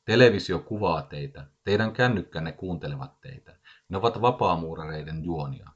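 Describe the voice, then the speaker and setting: A man's voice: sits low, animated, husky, muffled recording, heavily acted. A man playing a paranoid ranting gunman. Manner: ranting, threatening accusations. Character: paranoid furious male gunman about forty.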